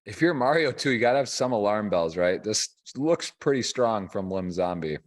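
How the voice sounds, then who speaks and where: A man's voice: on the low side, animated, normal speed. A man giving conversational live poker tournament commentary as the host of a stream.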